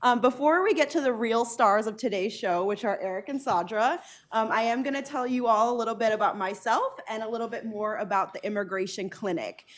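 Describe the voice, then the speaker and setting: A woman's voice: fairly high pitch, fairly quick. A woman law professor introducing herself at a panel event, speaking earnestly with frequent ums. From United States. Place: lecture hall event.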